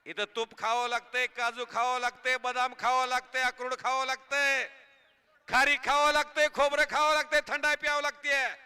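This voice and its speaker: A man from Maharashtra announcing a wrestling match live over a loudspeaker, calling moves, prize money and scolding the crowd in an excited, shouting manner. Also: very high voice, moderate pace, smooth. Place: outdoor wrestling ground.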